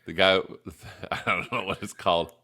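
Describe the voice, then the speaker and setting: A man co-hosting a casual live review show, rambling with lots of fillers and quick bursts of laughter. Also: low-pitched, fairly even intonation, sharp tone. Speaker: co-host of a soda review show.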